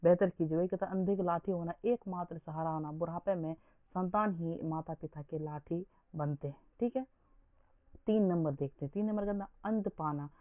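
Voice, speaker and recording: A man's voice: on the high side, steady tone, normal speed, no echo. A young man teaching an exam coaching lesson, quizzing his listeners with repeated questions. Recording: dry, phone-like lo-fi sound.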